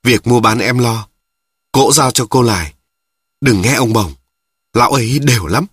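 Guy doing a practical wife, curt and matter-of-fact, husky voice. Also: mid-range voice, moderate pace, fairly bright tone, no echo, studio quality. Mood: businesslike. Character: brisk, practical wife managing the money.

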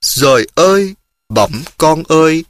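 A man's voice: mid-range voice, lively intonation, unhurried, pushed and bright, no room sound. Tearful old peasant mother, as a man reads her. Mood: crying. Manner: tearful, pleading.

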